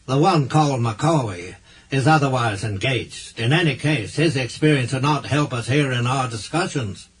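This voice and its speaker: A man voicing a self-assured, persuasive male human diplomat in an audiobook, with a husky voice and a slightly patronizing manner. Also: medium pitch, normal speed, voice pushed up, natural voice.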